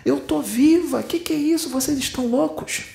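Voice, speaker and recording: A man's voice: extremely high pitch, moderate pace, vocal fry, a little mellow, voice pushed up, full character voice. A man voicing a young woman who has died and is trapped in her body, shrieking in frantic pleas. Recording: roomy echo.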